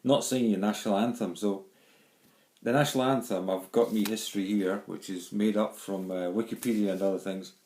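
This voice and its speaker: This fairly low, darkish voice belongs to a middle-aged Glasgow man with a Scottish accent, talking a little fast with fairly even intonation. His rambling home video monologue is packed with ums and restarts, caught on a handheld phone or camera in an echoey room with slight background noise.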